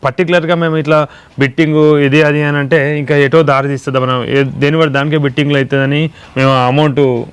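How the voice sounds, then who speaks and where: A man co-hosting a casual vlog, answering viewer comments in rambling, quick explanations at home. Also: a little high, flat delivery, clear, resonant tone. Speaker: vlog co-host.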